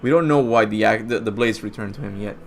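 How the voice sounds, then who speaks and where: Speaking at a quick pace in a fairly low voice, a young man from Cuba hosts a casual gaming livestream, answering viewer questions. He rambles, jokes at his own expense and laughs at his slips, with faint background music and a little hiss or hum.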